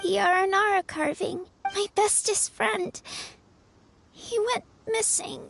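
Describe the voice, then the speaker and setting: A woman's voice: very high voice, fairly even intonation, takes it slowly, vocal fry, exaggerated voice. A woman voicing a frail, sad young girl in a video game. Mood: sad, wistful. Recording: soft music behind the voice.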